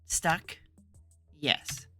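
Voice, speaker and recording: A woman voicing a sullen teenage girl novice who speaks flatly. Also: drawn-out words, soft background music. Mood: sulky. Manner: sullen and flat.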